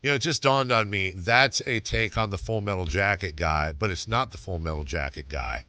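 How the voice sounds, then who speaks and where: A man's voice: deep voice, moderate pace, bright, forceful tone, dry recording. A man hosting sports radio with casual, bantering talk, close on a studio mic. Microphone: close studio microphone.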